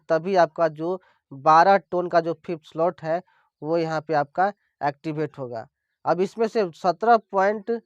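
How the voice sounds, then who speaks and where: A man's voice: high voice, smooth, dry recording. A man explaining an app step by step in a screen-recorded tutorial, repeating himself often as he points things out. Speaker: crypto tutorial presenter. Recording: dull lo-fi dry voice-over.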